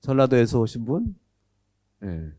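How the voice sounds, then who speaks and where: Man, priest, catechism lecture, from Jeolla, quizzes the audience, very expressive pitch. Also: measured pace. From Jeolla, Korea. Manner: animated, asks the audience questions.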